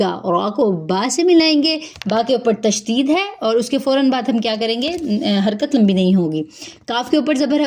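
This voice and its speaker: A woman's voice: a little high, a little mellow. A woman teaching Quran recitation rules, explaining patiently step by step. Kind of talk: tajweed lesson, slow recited verses then spoken rules.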